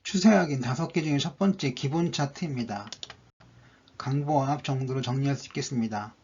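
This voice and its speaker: A man's voice: mid-range voice, a little fast, a little mellow, slightly rough. A man narrating a stock chart analysis, going methodically through each indicator one by one, on a dull lo-fi recording.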